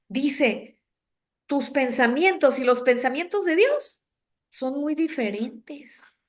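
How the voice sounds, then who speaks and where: High-voiced woman teaching a devotional. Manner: conversational, asks the listeners questions. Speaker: devotional teacher for a women's group. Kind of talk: women's devotional talk.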